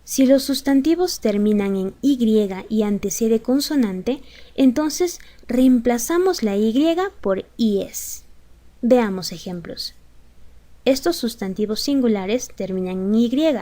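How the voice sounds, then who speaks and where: Slow, patient woman teaching a grammar lesson. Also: fairly high pitch, dark tone. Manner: patient, slow, addresses pupils with rhetorical questions. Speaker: English teacher.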